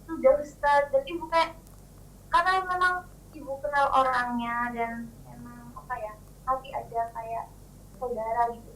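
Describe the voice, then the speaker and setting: This young female caller hesitates through a casual question, restarting and leaning on fillers. She has a high, steady, somewhat bright voice at a moderate pace, though the line is choppy, breaks up, sounds off-mic, and carries a little hiss or hum.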